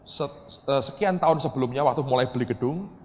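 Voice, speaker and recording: A man preaching a sermon, telling a story in a lively way that swings from quiet asides to shouted excitement. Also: mid-range voice, brisk, a little hiss or hum. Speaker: pastor. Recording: dull lo-fi church hall recording with echo.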